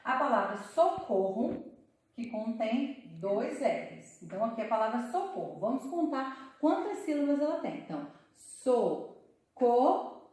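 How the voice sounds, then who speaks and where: A woman teaching a Portuguese lesson for children, sounding out words slowly syllable by syllable. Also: on the high side, very animated, darkish tone, very echoey, recorded from a distance. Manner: slow, syllable-by-syllable explaining.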